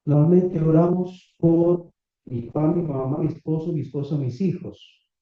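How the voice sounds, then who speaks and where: Slow-preaching man in an echoey church. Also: fairly high pitch. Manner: slow, deliberate preaching with rhetorical questions to the congregation. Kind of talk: sermon. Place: small church meeting room. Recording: echoey, slightly dull church recording.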